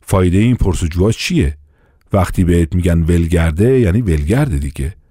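A man's voice: deep voice, lively intonation, mellow, breathy edge, dry recording, clean studio sound. A man voicing a pompous, bullying police inspector in an audiobook, blustering and commanding. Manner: blustering, commanding, quick to turn. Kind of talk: audiobook character voice.

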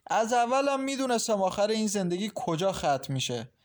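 Guy reading as a bossy mother-in-law, sharp and scolding, kinda high. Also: lightly acted. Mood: indignant. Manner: sharp, reproachful. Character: stern middle-aged mother-in-law, scolding.

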